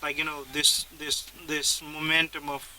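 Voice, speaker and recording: A man's voice: on the high side, monotone, measured pace, bright, forceful tone, a little hiss or hum. A man from Nepal, a guest commentator at a cricket match, who talks in long runs filled with "like, you know". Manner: fills speech with "like, you know". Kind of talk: casual live cricket commentary chat.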